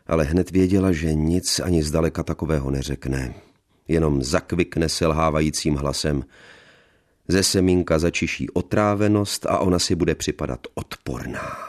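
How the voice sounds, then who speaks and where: A man's voice: very deep voice, darkish tone. A man narrating a novel as an audiobook with a wry, ironic storytelling manner.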